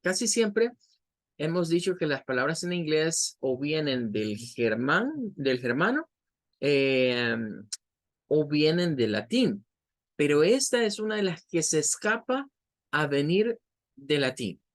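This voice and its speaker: A man teaching English vocabulary to Spanish speakers, explaining slowly and patiently, spelling out words and repeating each syllable. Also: a little high, big pitch swings. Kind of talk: bilingual vocabulary lesson.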